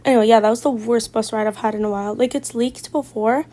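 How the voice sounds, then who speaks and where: Teen girl ranting about her day, kinda high voice, lots of likes, super exasperated. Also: fairly even intonation, fast talker, dark tone. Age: teens. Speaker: vlogger. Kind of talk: casual rant vlog.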